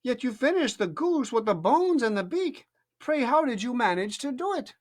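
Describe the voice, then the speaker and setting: Alice, a reader doing a high, anxious girl. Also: very animated. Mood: reciting. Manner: raised, hurried, slightly stammering.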